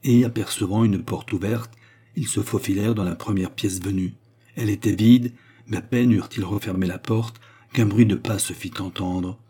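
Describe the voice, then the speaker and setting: A man reading a novel aloud in a steady, measured narration. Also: lowish voice, slightly rough. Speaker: audiobook reader. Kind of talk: scripted narration.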